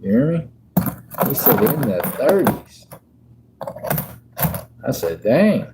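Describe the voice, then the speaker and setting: Heavy background noise surrounds this man in his 50s as he hosts a casual coin-sorting livestream, joking and chatting with viewers in a laid-back manner. His mid-range voice is very animated, though his pace is slow.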